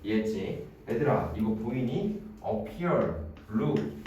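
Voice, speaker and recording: Animated male teacher in an echoey classroom. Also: mid-range voice, slow pace. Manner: animated, quizzes students by name, playful mnemonics. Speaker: English teacher. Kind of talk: exam-prep grammar lecture. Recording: very echoey room, voice from a distance, faint noise.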